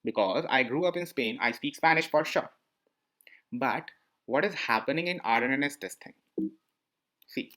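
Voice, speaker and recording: A man teaching from slides narrates the screencast in a sharp-toned, mid-range voice with lively intonation. His pace is moderate, broken by long pauses, and he repeats himself and questions the listener frequently.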